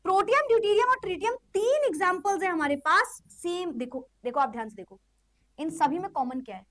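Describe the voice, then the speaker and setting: A woman's voice: very high-pitched, lively intonation, brisk, fairly bright tone. A woman teaching a chemistry lecture in a chatty way, often checking in with her students and adding playful asides. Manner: repeats herself, checks in often. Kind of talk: classroom lecture.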